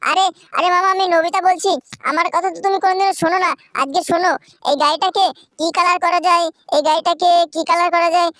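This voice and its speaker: Whiny insistent boy Nobita, voiced by the narrator, fast, dry sound. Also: very high voice, steady tone, fairly bright tone, dry recording.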